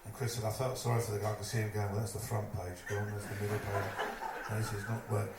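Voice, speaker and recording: A man telling a lively stage anecdote, putting on other people's voices as he goes. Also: lowish voice, quick pace. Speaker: storyteller at a live evening event. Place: live event venue, indoors. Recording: echoey room, distant mic, noisy.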